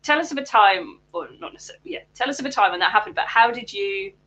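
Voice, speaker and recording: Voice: mid-range voice, animated, fast talker, bright, forceful tone, slight background noise, rough recording. A host asking long, encouraging questions in an interview.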